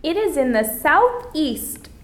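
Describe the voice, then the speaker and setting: An American woman presenting a scripted language-lesson dialogue, speaking carefully and clearly for learners. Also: sits high, big pitch swings, echoey room. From Florida, United States. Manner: slow, carefully articulated, as if for learners.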